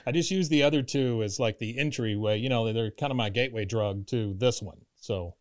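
A man in his fifties hosting a podcast, rambling and halting with many restarts. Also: mid-range voice. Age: 50s. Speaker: podcast host. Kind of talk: casual podcast chat.

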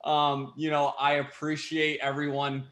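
A man's voice: a little high, monotone, measured pace, a bit bright. A young man, a baseball player, chatting casually in an interview and breaking into laughter often. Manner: laughs often while talking. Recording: roomy echo.

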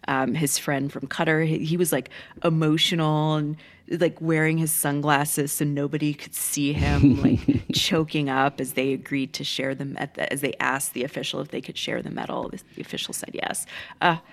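A woman's voice: low voice, little pitch movement, normal speed. A woman co-hosting a podcast, chatting enthusiastically about feel-good stories. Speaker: podcast co-host. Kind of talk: casual chat.

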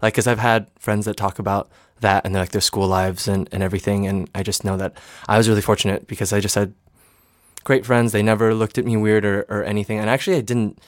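A young man in his twenties, raised in Michigan, talks casually as an interview guest about his life. His voice sits fairly low, and he hedges and restarts often, filling gaps with ums. The sound is dry and close, with no room echo. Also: flat delivery, quick pace. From Michigan, United States. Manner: hesitant, many fillers and restarts. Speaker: interview guest, stage actor and singer.

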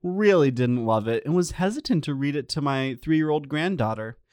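A man's voice: fairly high pitch, expressive, normal speed, darkish tone, dry recording. A man hosting a podcast, reading reviews aloud in a dry, jokey manner. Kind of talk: casual chat and reading aloud.

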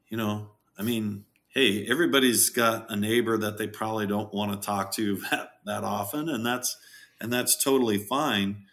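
A middle-aged man talks casually as a guest, jokey and animated. His voice sits fairly low but rings bright and forceful. He throws himself into quoted lines. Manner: jokey, animated, acts out quotes with big pitch jumps. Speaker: farm owner, podcast guest. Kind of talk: casual interview chat.

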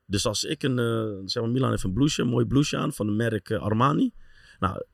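Gravelly man telling dressing-room stories. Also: brisk, no room sound, studio quality. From Netherlands. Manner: animated storyteller, voice rises high when acting out scenes, laughs often. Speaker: former footballer and assistent coach telling stories. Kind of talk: casual anecdote telling.

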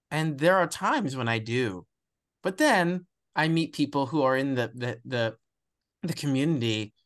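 A young man from the United States, an actor giving a candid, reflective interview, often pausing and restarting as he searches for words. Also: medium pitch, fairly bright tone.

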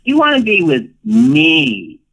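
A woman's voice: sits low, huge pitch swings, slow, low-quality recording. An older woman and retired performer, telling stories as an interview guest in a playful, theatrical way, laughing often and acting out what people said. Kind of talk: casual storytelling interview.

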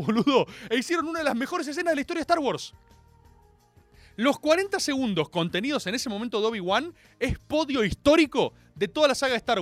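A man's voice: very high voice, a bit bright, no room sound. A man with a Rioplatense Argentine accent hosting a radio show, telling a comic monologue in slangy, theatrical storytelling. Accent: Rioplatense Argentine Spanish. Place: radio studio.

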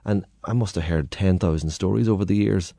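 A man's voice: low-pitched, fairly quick, creaky, mellow, no room sound, clean studio sound. An Irish man telling stories and anecdotes in a lilting, conversational, colloquial way. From Ireland. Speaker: guest, tour guide and storyteller.

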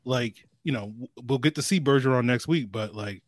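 Measured man, dry-sounding podcast co-host. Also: mid-range voice, no echo. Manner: measured, thinking aloud with restarts. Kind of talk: casual sports podcast chat.

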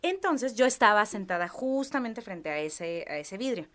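A young Mexican woman telling a personal story in a casual chat, animated, acting out voices and screams. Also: mid-range voice, moderate pace. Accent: Mexican Spanish. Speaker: podcast guest.

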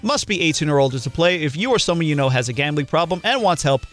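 A man on a radio show reading a scripted sponsor spot with a brisk, fast legal disclaimer. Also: fairly high pitch, expressive, a bit bright, soft background music. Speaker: radio show producer and co-host.

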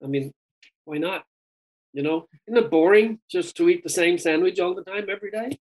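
At a normal speed and a high pitch, the interviewed singer keeps the conversation casual, chatty and rambling, with "dude" coming up often. The recording is of low quality.

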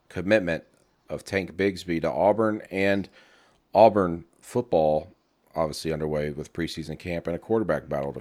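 Very deep-voiced podcast host man. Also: a little mellow. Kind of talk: podcast sign-off.

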